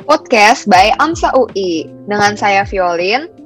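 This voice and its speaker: A woman's voice: mid-range voice, lively intonation, slow. Young female co-host, chatty and keen; faint music beneath. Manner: chatty, enthusiastic. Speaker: podcast co-host. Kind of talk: casual podcast hosting.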